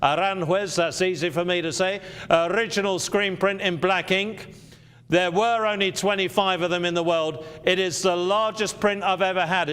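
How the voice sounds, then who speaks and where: A man's voice: sits high, fairly bright tone, clear, resonant tone. A man working as an auctioneer on a live sale, calling bids in short, repeated patter.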